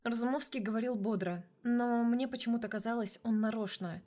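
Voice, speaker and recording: A woman reading a first-person novel aloud as an audiobook narrator, in an even storytelling delivery. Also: fairly high pitch, a little fast.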